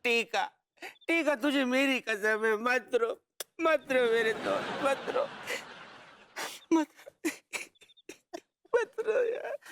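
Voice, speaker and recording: A man's voice: high-pitched, lively intonation, unhurried, fairly bright tone, a little hiss or hum, full character voice. An actor playing a sentimental, joking man consoling his friend in a TV comedy.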